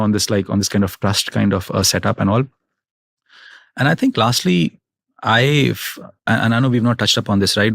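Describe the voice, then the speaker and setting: A man's voice: on the low side, vocal fry, dry recording. A man as an interview guest, giving thoughtful conversational answers and often tagging "right?" and "you know". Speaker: guest, fintech executive.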